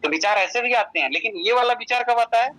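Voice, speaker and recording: A man's voice: extremely high pitch, quick pace, a bit bright, rough recording. A man giving a spiritual lesson in plain words, repeating key points and checking that listeners follow. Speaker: teacher.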